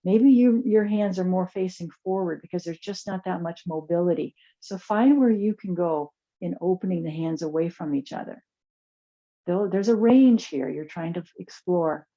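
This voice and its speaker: A woman teaching chair yoga, guiding movement and relaxation in a soft, soothing, unhurried way with pauses. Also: on the low side, highs cut off. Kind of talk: guided yoga class and relaxation.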